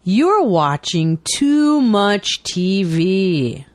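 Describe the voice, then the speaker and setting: A woman reading everyday dialogues aloud for English learners with clear, deliberate enunciation. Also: medium pitch, very animated, no echo. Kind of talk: slow scripted dialogue reading.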